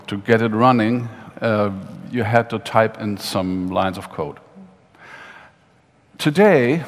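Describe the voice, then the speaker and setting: Middle-aged male moderator, lowish voice, halting, big reverberant atrium. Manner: halting, many fillers and restarts. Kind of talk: hesitant conversational moderating. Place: large glass atrium hall with audience. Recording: long hall reverb.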